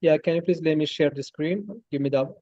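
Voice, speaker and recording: A man's voice: a little high, steady tone, mellow, no room sound. Guy from morocco presenting on a webinar, lots of ums, dull lo-fi call sound, dry. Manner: halting, many fillers and restarts. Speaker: guest speaker. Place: coffee shop. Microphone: online call.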